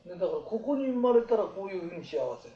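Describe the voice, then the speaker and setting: A man giving life advice to a small group in blunt, rough, colloquial talk. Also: sits high, animated, quick pace, roomy sound, highs cut off, a little hiss or hum.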